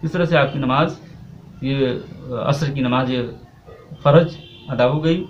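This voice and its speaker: A man's voice: medium pitch, takes it slowly, slight background noise. A man giving a step-by-step religious lesson on prayer rules, repeating points with fillers. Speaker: Islamic cleric teaching prayer rules. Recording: dull lo-fi sound.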